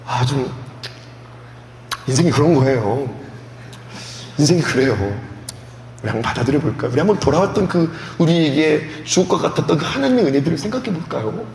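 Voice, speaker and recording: A male pastor preaching a sermon at a youth retreat in an animated way, asking the audience questions and acting out scenes. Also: a little high, fairly quick, vocal fry, pauses often. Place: church hall. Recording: echoey hall with faint background noise.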